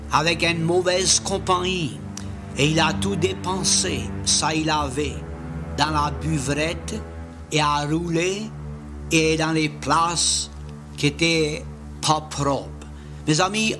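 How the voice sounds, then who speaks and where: A man from Louisiana with a Cajun French accent, preaching an evangelistic sermon as plain, folksy Bible storytelling with earnest appeals. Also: a little high.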